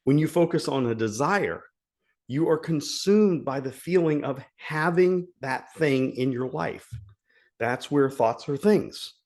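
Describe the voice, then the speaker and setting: A man speaking as a life coach, delivering a motivational talk in an earnest, emphatic way. He leans on key phrases and repeats them to drive the point home. His voice sits at an ordinary middle pitch.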